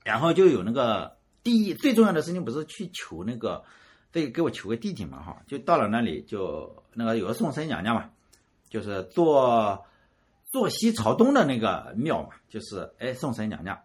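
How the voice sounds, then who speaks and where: Guy from rural shandong telling a story, bouncy pitch, kinda husky, repeats himself a lot. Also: moderate pace. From Shandong, rural China. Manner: animated, repeats words, chuckles at himself. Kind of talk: casual personal storytelling.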